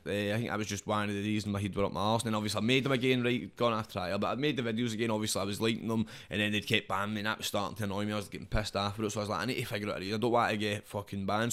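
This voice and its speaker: A Scottish man with a broad accent is a podcast guest; he makes social media comedy and wrestles. His lowish voice is steady, a bit bright and very fast. He rambles casually in slang, swearing often and tossing in verbal tags.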